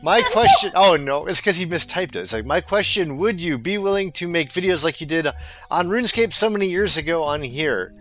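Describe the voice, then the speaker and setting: Lively, upbeat young man hosting. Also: on the high side, brisk, faint music behind. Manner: playful, laughs often. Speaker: host reading viewer mail. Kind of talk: casual group chat.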